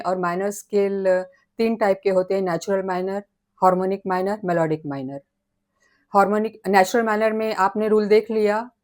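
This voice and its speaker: A woman giving a relaxed spoken piano lesson, patiently counting tones and semitones and singing note names as she plays. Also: mid-range voice. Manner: slow and patient, counting notes aloud. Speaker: piano teacher.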